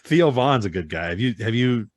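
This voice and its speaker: A man's voice: mid-range voice, animated, moderate pace, a little hiss or hum. A man guesting on a podcast over a video call, talking bluntly and swearing freely. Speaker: podcast guest and co-host of a motorsports show. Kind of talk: casual chat.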